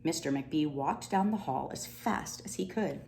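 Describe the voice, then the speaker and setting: A woman reading a children's storybook aloud in an expressive narrating style. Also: sits low, unhurried, vocal fry. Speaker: storybook reader. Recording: roomy echo, faint background noise.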